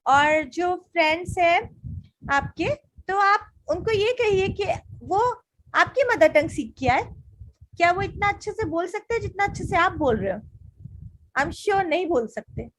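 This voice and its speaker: A woman's voice: extremely high pitch, expressive, measured pace, fairly bright tone, rough recording. A young woman, an English teacher, reads viewer letters and answers them in an encouraging, casual mix of Hindi and English.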